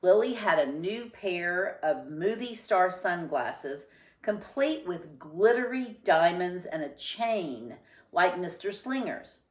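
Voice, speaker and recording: A woman reading a children's story aloud with expressive, deliberate and emphatic phrasing. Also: on the low side, recorded from a distance. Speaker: storybook reader. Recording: roomy, echoing sound.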